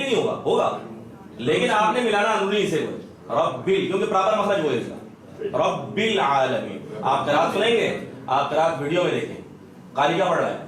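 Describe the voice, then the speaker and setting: A man teaching Quran recitation in a madrassa classroom. He quizzes students over and over and slowly demonstrates each sound. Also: sits high, fairly bright tone. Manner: drills students with repeated questions and slow sound demonstrations. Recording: echoey classroom from far off.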